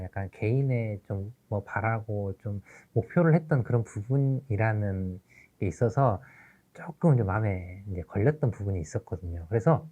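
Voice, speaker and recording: A man's voice: fairly low pitch, muffled recording. Middle-aged guy lecturing teachers, tells stories, voice jumps around a lot. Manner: animated storytelling, acts out characters. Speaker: teacher trainer. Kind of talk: storytelling lecture.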